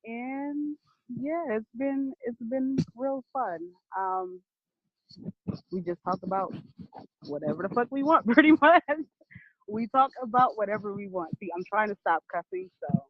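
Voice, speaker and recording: A woman's voice: a little high, animated, a little slow, no room sound. Laughing, cussing woman over a tinny line. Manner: laughs often, swears casually. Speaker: podcast guest. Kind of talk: casual interview chat. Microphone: video or phone call.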